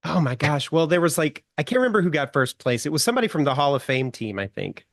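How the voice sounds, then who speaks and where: A middle-aged man, a guest writer, telling an anecdote in a casual, animated way, chuckling often and using many fillers. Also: fairly high pitch, fast talker, dry recording, clean studio sound.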